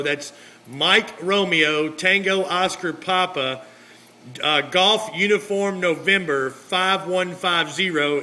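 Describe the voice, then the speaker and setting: Speaking over two-way radio in a casual, folksy way, an American ham operator leans on jargon and repeated phrases. His high-sitting voice is bright and forceful, recorded up close at an indoor radio desk amid the noise of the room next to the set.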